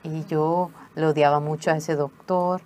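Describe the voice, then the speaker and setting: A woman telling a personal testimony in an earnest, halting way, with restarts. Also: low-pitched, steady tone, a little mellow, a little hiss or hum. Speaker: testimony speaker.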